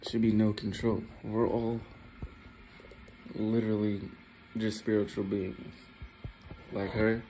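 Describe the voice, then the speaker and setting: A young man vlogging at home early in the morning, talking in a hushed, rambling, slangy way about spiritual ideas. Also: flat delivery, takes it slowly, long pauses. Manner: rambling, hushed and low-key, with slangy asides. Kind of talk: casual spiritual monologue to camera. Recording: loud background noise.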